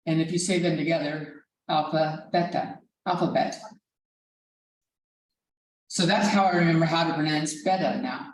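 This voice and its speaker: A woman's voice: low-pitched, steady tone, moderate pace, long pauses, reverberant. A woman teaching a math class as professor, in a casual, digressive way with some swearing, recorded from far off in a classroom. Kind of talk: classroom lecture.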